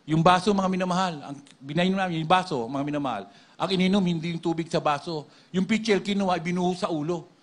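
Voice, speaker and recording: High-voiced man giving church testimony. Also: fast talker. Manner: emphatic, repeatedly addresses the congregation as "beloved". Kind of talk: testimony preaching to a congregation.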